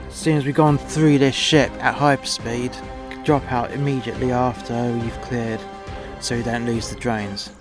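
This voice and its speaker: A man's voice: medium pitch, natural voice. A man playing a gung-ho, foul-mouthed starship captain in an audio drama, commanding his crew informally and recklessly. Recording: loud music behind the voice. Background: music.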